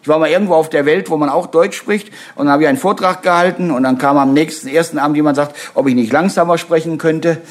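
High-voiced man giving a wry seminar talk. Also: fairly even intonation, fast talker, hardly any pauses. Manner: wry, self-mocking asides; tag questions to the audience. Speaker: workshop speaker on public speaking.

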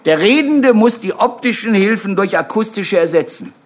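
A man with a high voice leads a live seminar on public speaking. He keeps things conversational with wry jokes at his own expense and checks in with the listeners through quick tag questions. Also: expressive. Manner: wry, self-mocking asides.

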